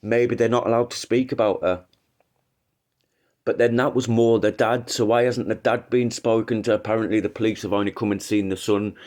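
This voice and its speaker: Fairly low in pitch and a bit mellow, the livestream host's voice holds fairly even intonation at a normal pace. Stuffed up with a cold, he wanders through his views casually and keeps starting over.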